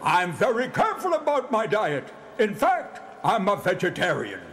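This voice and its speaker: A man's voice: high-pitched, huge pitch swings, normal speed, fairly bright tone, full character voice. A man playing a grand, kindly beast who was once a magistrate, with a theatrical cartoon bellow, in a children's audio drama. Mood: blustering, indignant. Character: former magistrate turned big cave beast, grand and kindly.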